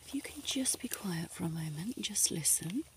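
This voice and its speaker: A woman playing a flirty, coy female doctor in a whispered role-play, murmuring softly and intimately right in the listener's ear and slipping into whispers. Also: lowish voice, expressive, moderate pace, background noise. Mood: hushed, focused. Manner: coy, playfully bossy. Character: flirty, teasing female doctor giving a check-up.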